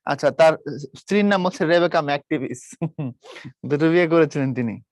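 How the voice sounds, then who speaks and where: A man's voice: fairly high pitch, fairly quick, no echo, studio quality. A young man teaching an online class, repeating key points and asking students questions. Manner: explains patiently with questions to students, mixes English words. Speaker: online tutor.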